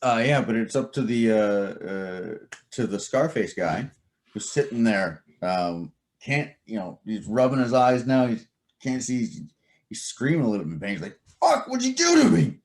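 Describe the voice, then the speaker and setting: A man narrating as game master of a tabletop game, animated and full of fillers and laughs. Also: on the low side, moderate pace.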